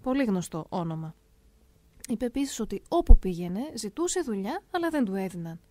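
Middle-aged woman, storyteller, calm measured delivery, mellow tone, dry close sound. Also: medium pitch, no echo. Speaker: narrator of a personal testimony. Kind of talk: first-person storytelling read aloud.

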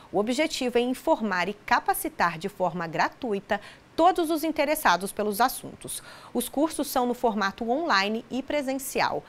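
A woman's voice: on the high side, fairly bright tone. A woman in her thirties presenting a local news bulletin in a studio, upbeat and friendly.

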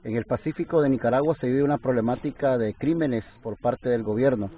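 A man with a mid-range voice asks long, formal questions at a steady pace. He sits back from the recorder, so he sounds far away. The sound is tinny and narrow, like a phone. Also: medium pitch, a little fast. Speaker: interviewer. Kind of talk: journalistic questioning.

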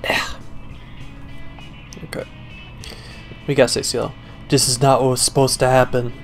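A young man talks through a video game in a loose, sarcastic way, swearing freely and muttering asides to himself. His voice sits at an ordinary middle pitch, and faint game music plays behind him. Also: flat delivery, unhurried, gravelly. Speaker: let's play gamer. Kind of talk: casual gameplay commentary.

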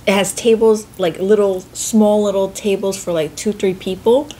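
A woman's voice: mid-range voice, steady tone, normal speed, dark tone, slight background noise. An American woman hosting a casual chat over a meal, rambling and correcting herself as she explains. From United States. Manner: rambling, self-correcting, hedges often. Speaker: host.

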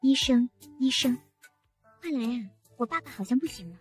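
A woman's voice: high voice, lively intonation, normal speed, slightly rough, soft background music, heavily acted. A woman voicing a scheming young woman who pleads and wheedles in an audio comic story. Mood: pleading.

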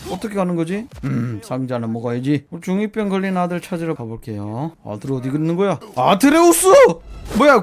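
A gameplay commentator giving excitable let's-play commentary, yelping and shrieking in panic and making playful jokes. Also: mid-range voice.

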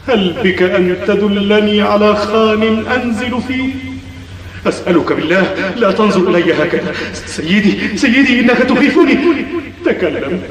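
A man's voice: high voice, close to an everyday voice. A man playing a terrified stranger in a stone city. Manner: fearful, breathless monologue, cries out and calls aloud. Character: frightened young male stranger lost in a stone city. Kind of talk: vintage Arabic radio drama acting. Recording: roomy echo, distant mic, crowd noise behind.

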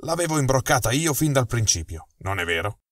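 A man voicing an agitated, irritable police inspector in an audiobook mystery, exclaiming in a lowered voice. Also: very animated, a little fast, dry recording, studio quality, lightly acted. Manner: flustered, exclaiming. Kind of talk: audiobook dialogue.

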